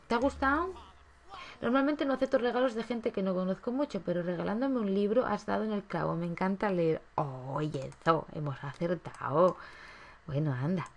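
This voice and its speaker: A woman's voice: lowish voice, a little hiss or hum. A woman giving chatty gameplay commentary, coaxing the characters on screen as she plays. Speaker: gaming YouTuber.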